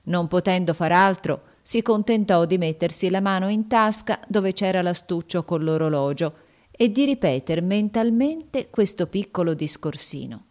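Narrator, woman, lowish voice, measured storybook reading. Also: expressive, a little mellow.

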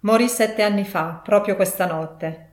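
A woman's voice: medium pitch, unhurried, natural voice. A woman voicing a grumpy, sarcastic old miser in an audiobook, with curt, scornful delivery. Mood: gruff. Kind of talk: audiobook reading. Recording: roomy echo.

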